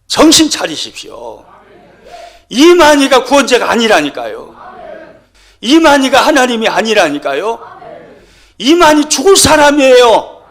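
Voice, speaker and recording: Man, pastor, sermon, high voice, very lively intonation, emphatic. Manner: emphatic preaching, rising and falling sharply.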